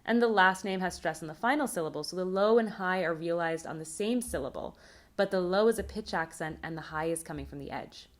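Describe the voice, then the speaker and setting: A woman presenting a recorded academic conference talk on linguistics, explaining terms in a clear, measured way. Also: on the low side.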